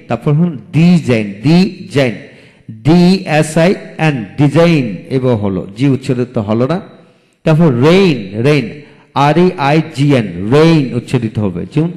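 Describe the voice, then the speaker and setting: A male English teacher giving a recorded video lecture, spelling each word letter by letter and then repeating it slowly. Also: fairly high pitch, darkish tone, in a large hall.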